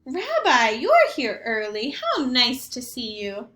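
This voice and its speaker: A woman's voice: fairly high pitch, wildly swooping pitch, takes it slowly, fairly bright tone, reverberant, heavily acted. A woman voicing a kindly, fussing old grandmother who cannot see or hear well. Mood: fond. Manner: fond, fussing and sing-song. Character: kindly old woman, half blind and half deaf, chatty.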